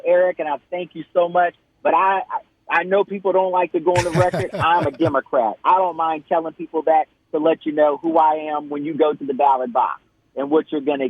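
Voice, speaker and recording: Earnest candidate on a phone line. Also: male voice, on the high side, dry recording. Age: 30s. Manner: measured, spells things out slowly, earnest. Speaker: political candidate, guest.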